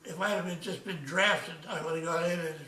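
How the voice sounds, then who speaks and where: A man of ninety-eight, an old veteran remembering his service in a casual interview, halting and repeating words as he goes. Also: fairly high pitch, fairly even intonation, bright, forceful tone, a little hiss or hum. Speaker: retired army major, war veteran. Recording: echoey room, distant from microphone.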